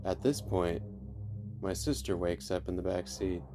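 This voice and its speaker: A podcast host reads creepy stories in scripted narration, his low voice moving with measured, deliberate phrasing and dramatic pauses. Faint music plays behind him.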